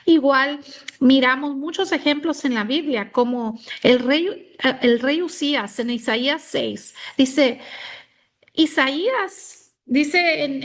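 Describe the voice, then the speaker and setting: A woman gives a slow, unhurried Bible teaching talk, and her voice sits a bit high. She often pauses and reaches for words as she shares her own story. She grew up in the United States. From United States, of Mexican descent. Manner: slow, reflective, with many fillers. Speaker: women's ministry speaker.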